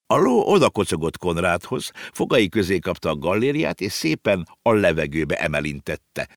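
A man reads a storybook aloud in a lowish voice, putting lively expression into each sentence. His delivery is animated, with pitch moving freely. The recording is dry and close, with no room sound. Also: gravelly, no room sound. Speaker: narrator. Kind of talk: storybook reading.

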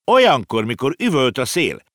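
A man's voice: no echo, studio quality. A man voicing an earnest, know-it-all little girl in an audiobook reading. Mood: explaining. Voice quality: high, lively, explaining.

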